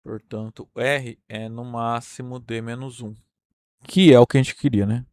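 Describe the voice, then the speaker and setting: A Brazilian man lectures through a number theory proof at an unhurried pace, pausing often to check that his listeners follow. His voice sits at an ordinary middle pitch, recorded dry and close with little room sound. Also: steady tone, darkish tone, no echo. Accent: Brazilian Portuguese. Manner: explains step by step, checking in with "tá?" and "né?". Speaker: university math lecturer.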